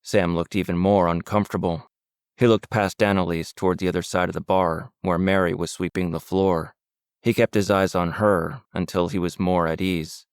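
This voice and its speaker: A man narrating a supernatural mystery audiobook in a calm, even storytelling manner. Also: low voice, moderate pace, clean tone, dry recording, clean studio sound. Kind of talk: scripted narration.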